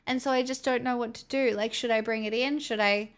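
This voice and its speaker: A young Australian woman talks fairly quickly in a higher-range voice with fairly even intonation. Rambling casually and frankly to viewers on her live stream, she mentions that her voice feels strained.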